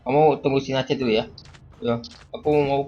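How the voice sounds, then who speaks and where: A man voicing every character in a game role-play skit, trading quick lines and breaking into excited shouts. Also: mid-range voice. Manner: quick back-and-forth, jumps between characters, bursts of excited shouting. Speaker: content creator voicing all characters. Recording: dull lo-fi audio with faint background music.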